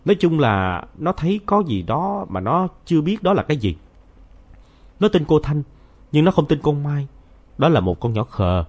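A man narrating a children's story in the first person. His voice sits at an ordinary pitch but rises and falls a great deal. The delivery is lively and expressive.

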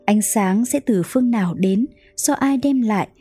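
A woman narrates an audiobook in a calm, measured way. Her voice is mellow and somewhat breathy. The recording is dry and close, with faint music underneath. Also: a little high, no echo.

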